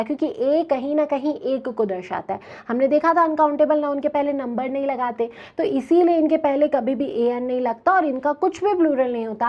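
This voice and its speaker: Woman teacher, high voice, slow grammar explaining w lots of questions, kinda muffled lo-fi audio. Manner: explains slowly with repeated questions to students. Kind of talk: classroom grammar lecture.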